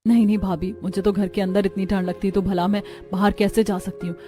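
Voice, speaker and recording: A woman voicing a modest young village bride in a narrated family story, speaking gently and politely. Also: medium pitch, level tone, quick pace, faint music behind, lightly acted. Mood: gentle.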